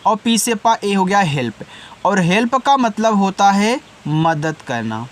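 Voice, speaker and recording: A man teaching English words letter by letter, spelling slowly, then explaining patiently and answering his own questions. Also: high-pitched, very animated. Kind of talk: Hindi-language spelling lesson.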